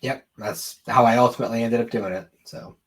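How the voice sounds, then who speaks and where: A man co-hosting an anime and games podcast speaks briskly at a medium pitch with fairly even intonation, his tone informal and offhand.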